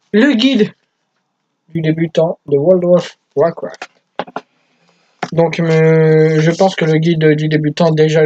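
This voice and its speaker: A man's voice: on the high side, darkish tone, dull audio, a little hiss or hum. A young man in his teens hosting a casual unboxing vlog for his gaming channel, chatty and self-mocking. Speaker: gaming YouTuber.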